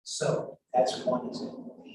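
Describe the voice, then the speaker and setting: A man addressing a school board at a public meeting in a blunt, self-described sarcastic way. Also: slow. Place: meeting room. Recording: echoey room mic from a distance with hiss.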